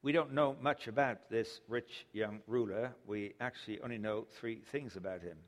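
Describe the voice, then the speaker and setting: This sermon comes from an older English man who tells amusing stories and chuckles at his own punchlines. His voice is on the low side and moderately paced, and the recording has a long hall reverb.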